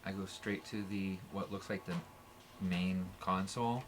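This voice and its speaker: A man's voice: low-pitched, fairly even intonation, measured pace, noisy background. A man playing a tabletop game, stating his character's actions directly in the first person. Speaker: player. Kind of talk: casual tabletop game play.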